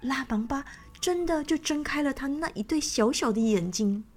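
A woman's voice: sits high, animated, moderate pace. A woman narrating a children's story in a sing-song manner, speaking to young listeners. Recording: faint background music.

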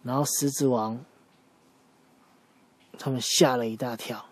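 A man's voice: medium pitch, fairly even intonation, a little slow. A man telling an improvised children's story to a young listener, explaining patiently and answering questions as he goes.

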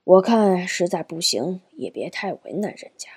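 Woman narrator doing an easygoing old uncle, husky and soft. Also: fairly low pitch, animated, moderate pace, heavily acted. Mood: resigned. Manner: mild, resigned.

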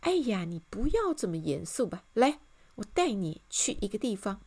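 A woman's voice: extremely high pitch, very animated, moderate pace, pitched above the performer's own voice. A woman voicing a cheerful, carefree young woman who giggles and coaxes. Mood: coaxing. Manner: giggling, bubbly, coaxing.

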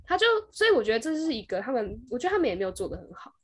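A young woman with a Taiwanese Mandarin accent, co-hosting a podcast and telling a story in an animated way, briefly acting out the people in it. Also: on the high side, very fast. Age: young adult. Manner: animated storyteller who briefly acts out kids and parents. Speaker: podcast co-host. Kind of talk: casual chat.

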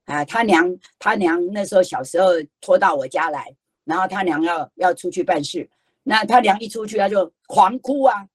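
An older woman with a Taiwanese Mandarin accent gives a lively lecture on storytelling, folksy and emphatic, firing off rhetorical questions. Her voice sits low and husky, and it leaps up and down in pitch. The sound is close and dry, with no room around it. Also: moderate pace, dry recording. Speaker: storytelling educator giving a lecture.

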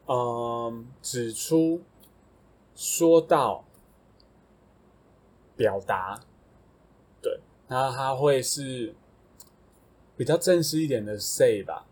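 Husky-voiced man explaining English words. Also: mid-range voice. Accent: Taiwanese Mandarin. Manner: relaxed, thinks aloud with fillers and self-corrections. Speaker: podcast host teaching English vocabulary. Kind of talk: casual vocabulary explanation.

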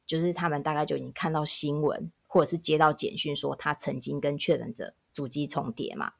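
A woman, a public health nurse telling work stories in a casual podcast chat, animated and emphatic. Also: sits low, brisk, gravelly, husky.

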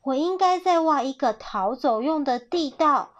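A woman's voice: high voice, animated, a little slow, voice pushed up. A woman doing a fretful father rabbit. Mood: worried. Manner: worried, earnest. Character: anxious caring father rabbit. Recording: dull lo-fi audio.

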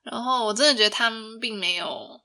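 A woman's voice: on the high side, a little fast, pushed and bright. A young woman hosting a podcast, telling a personal story in a chatty way, laughing often and asking listeners rhetorical questions. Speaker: podcast host.

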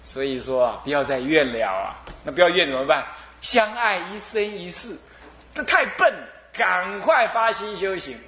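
A man's voice: sits high, very animated, moderate pace, sharp tone, echoey room. A man with a Taiwanese Mandarin accent, a Buddhist abbot giving a sermon on a sutra, chuckling and asking his listeners rhetorical questions over and over. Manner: chuckling, asks the audience rhetorical questions again and again. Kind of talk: Buddhist sermon, lively lecture.

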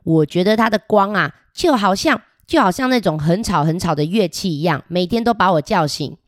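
A woman's voice: fairly low pitch, expressive, a little fast, no echo, clean studio sound, natural voice. A woman voicing a chatty little boy about to start kindergarten in a children's picture book read-aloud, playful and giggly as she talks straight to the children listening. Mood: cheerful, boastful. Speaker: storybook reader.

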